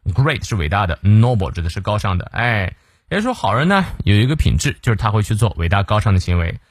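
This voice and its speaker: A man's voice: lowish voice, very animated, quick pace, no room sound, clean studio sound. A man hosting a daily English reading lesson, explaining a quote word by word in an encouraging way, with frequent filler sounds.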